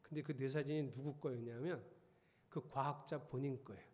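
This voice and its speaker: A man's voice: medium pitch, fairly even intonation, normal speed, darkish tone. A middle-aged male pastor giving a chatty sermon. He often asks the congregation questions. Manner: conversational, teasing the congregation with questions. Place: church sanctuary. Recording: reverberant church hall.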